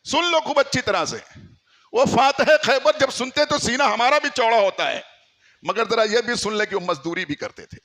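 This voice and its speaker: A man's voice: extremely high pitch, animated, moderate pace, fairly bright tone. A man from India preaching a storytelling sermon, emphatic and exhorting his listeners.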